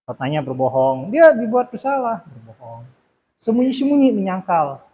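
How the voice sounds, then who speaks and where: A man's voice: high-pitched, sing-song, moderate pace, mellow, poor audio. A man talking fellow teachers through a lesson in an informal, explanatory way, repeating points with fillers and self-corrections.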